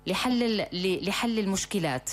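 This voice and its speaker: A woman's voice: mid-range voice, lively intonation, normal speed. A woman with a Syrian Arabic accent hosting a live radio call-in show, chatting with callers and repeating reassuring phrases. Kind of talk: live phone-in chat.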